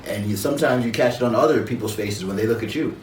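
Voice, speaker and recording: A man from Jamaica, a guest in an interview, speaking in a measured, reflective way with frequent pauses and fillers. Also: on the low side, reverberant, distant mic, slight background noise, low-quality recording. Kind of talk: conversational interview.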